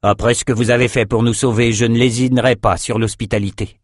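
A man's voice: mid-range voice, fairly even intonation, fast, no room sound, studio quality, natural voice. A man voicing a burly bearded fisherman who is now mayor, confident and hearty. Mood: welcoming.

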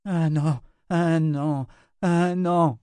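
A man voicing a crazed, terrified sorceress who mutters and repeats herself in a high sing-song. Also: fairly even intonation, drawn-out words, a little mellow, clean tone, no room sound. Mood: raving.

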